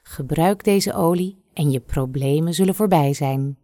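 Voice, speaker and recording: A wise old herb woman from a storybook, voiced by a woman reading aloud, calm and commanding as she gives her instructions. Her voice sits low and close, with a dry sound. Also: unhurried, dry recording.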